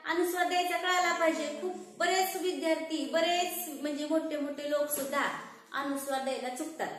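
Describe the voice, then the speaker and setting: A woman teaching a class, drawing words out slowly, repeating them and quizzing her students. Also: high-pitched, steady tone, fairly bright tone. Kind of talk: classroom lesson on reading and writing. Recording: very echoey room.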